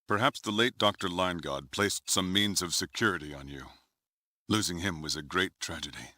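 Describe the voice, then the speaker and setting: Very deep, stern starship commodore. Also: male voice, bright, forceful tone, no echo. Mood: grave, skeptical. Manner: formal, measured, authoritative. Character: stern, grave male starship commodore, middle-aged or older. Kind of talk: dramatic video game voice acting.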